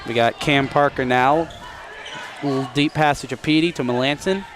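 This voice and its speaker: A man's voice: medium pitch, moderate pace. A man giving informal, conversational live play-by-play commentary on a local basketball game. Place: courtside in a school gym.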